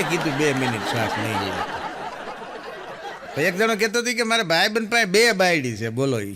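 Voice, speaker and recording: Male stand-up comedian, high and animated voice, audience laughter behind. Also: noisy background. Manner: animated storyteller, acts out quoted characters. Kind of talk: stand-up joke telling.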